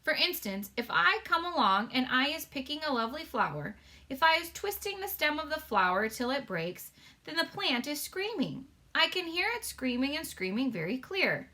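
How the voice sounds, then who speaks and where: A woman's voice: high-pitched, big pitch swings, moderate pace, pushed and bright, voice pushed up, heavily acted. A woman voicing an earnest, touchy giant man in a storybook, speaking emphatically with folksy, muddled grammar. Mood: earnest, animated. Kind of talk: storybook read-aloud character voice.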